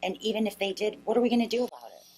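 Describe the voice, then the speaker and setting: A woman's voice: mid-range voice, sing-song, rapid-fire, warm tone, slightly rough, poor audio. A young woman from Brazil, co-hosting a political talk show and giving short, blunt answers. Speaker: co-host.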